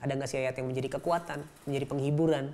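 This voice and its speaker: A woman's voice: rumbling low, fairly even intonation, racing, a crowd in the background. A woman hosting a faith interview, affirming and responsive, slipping in English phrases. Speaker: talk show host.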